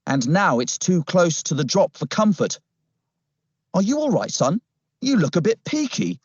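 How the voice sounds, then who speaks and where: A male narrator puts on a flustered middle-aged policeman, his voice pushed well up in pitch and tight with worry. The storybook cop sounds urgent and slightly louder than the narration, on a muffled, dry recording. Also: sing-song, a little slow, husky, no echo, heavily acted. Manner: urgent, breathless when rattled.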